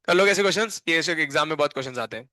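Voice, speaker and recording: A man's voice: on the high side, animated, racing, pushed and bright, no room sound. A male chemistry teacher giving a live classroom lecture in a casual, bantering way, often checking with students if they understood. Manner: bantering and teasing students between explanations; frequent check-in questions to the class.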